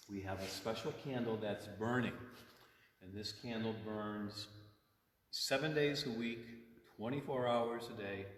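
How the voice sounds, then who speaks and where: This man's voice is on the low side and fairly bright in tone. He's a priest running a children's church storytime in a large church, teaching faith informally in plain words, with lots of repetition and regular checking questions. The recording carries heavy echo, long reverb and a little faint noise.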